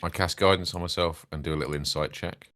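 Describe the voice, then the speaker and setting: A man's voice: low-pitched, steady tone, quick pace, a bit bright. A man speaking as a player in a tabletop role-playing game, wry and wordy, with old-fashioned turns of phrase. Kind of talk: in-character tabletop game chat.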